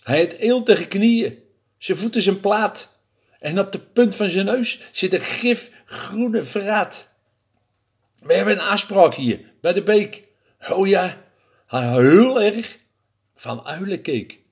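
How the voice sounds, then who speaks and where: A man's voice: high-pitched, lively intonation, slow, husky, voice pushed up, full character voice. A man voicing a small, clever, boastful mouse in a storybook reading, talking in a cheeky, bragging way.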